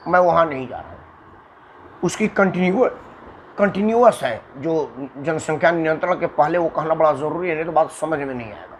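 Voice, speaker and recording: Man from uttar pradesh ranting on camera, kinda high voice, repeats himself a lot, faint hiss behind. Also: low-quality recording. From Uttar Pradesh, India. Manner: emphatic, repetitive, demonstrates intonation with dramatic shifts. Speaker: political commentator. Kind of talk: monologue to camera.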